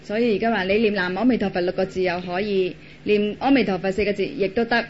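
An interpreter at a dharma talk, briskly relaying each phrase in a plain, steady way. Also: mid-range voice. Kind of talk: live consecutive interpretation of a talk. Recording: dull lo-fi recording with faint noise.

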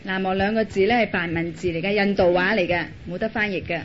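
An interpreter at a dharma talk, briskly relaying each phrase in a plain, steady way. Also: medium pitch. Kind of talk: live consecutive interpretation of a talk. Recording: dull lo-fi recording with faint noise.

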